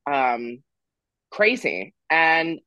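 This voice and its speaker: A man's voice: a little high, sing-song, drawn-out words, pushed and bright, dull audio. A man in his twenties who grew up in Florida, a podcast guest telling his story in a candid, rambling way with stops and restarts. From Florida, USA. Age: 20s. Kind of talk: casual interview storytelling.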